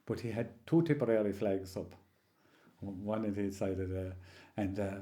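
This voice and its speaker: A man in his sixties with a rural County Limerick Irish accent, telling anecdotes in a halting, rambling, casual way. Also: lowish voice, steady tone, mellow. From County Limerick, Ireland. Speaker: interview guest, local storyteller. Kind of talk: oral history reminiscence, casual storytelling.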